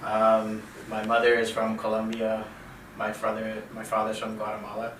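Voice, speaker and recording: A man, a chef and caterer from Canada, talking casually in an interview, relaxed, with many fillers and repeated phrases. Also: on the low side, moderate pace. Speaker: interview guest. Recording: roomy, distant from mic, faint noise.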